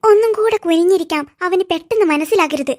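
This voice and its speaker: A performer voicing a jumpy, easily scared middle-aged auntie in a cartoon, muttering to herself. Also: female voice, extremely high pitch, quick pace, darkish tone, voice pushed down. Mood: scheming. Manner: muttering to herself, then wailing in fright. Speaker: cartoon character. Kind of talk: cartoon voice acting.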